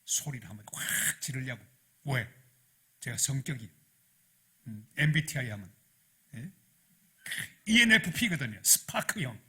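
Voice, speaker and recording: Husky, bright-voiced preaching man. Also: mid-range voice, a little slow, pauses often. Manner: animated storytelling, rising to loud emphasis. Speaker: pastor. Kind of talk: sermon.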